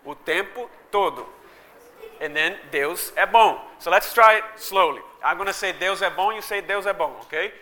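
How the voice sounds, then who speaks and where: A bright-voiced, joking preacher whose first language is Portuguese speaks in a high voice at normal speed. He delivers a lively call-and-response sermon into a handheld microphone, animated and leading the crowd in chants.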